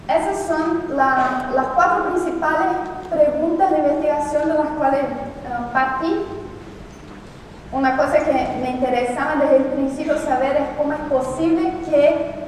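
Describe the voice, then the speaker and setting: A middle-aged woman whose first language isn't Spanish gives an academic conference talk in Spanish with a Portuguese-tinged accent, explaining thoughtfully with frequent pauses and restarts. Her voice is high-pitched with a darkish tone. She's recorded from far off in a large, echoey lecture hall with an audience, with a little hiss or hum.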